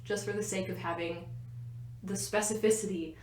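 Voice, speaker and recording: A woman's voice: mid-range voice, fairly even intonation, normal speed, a little mellow, a little hiss or hum. Young woman, podcast co-host, giggly, rambling, roomy bedroom echo. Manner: giggly, rambling, often laughing mid-sentence. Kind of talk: casual podcast chat. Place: a bedroom at home.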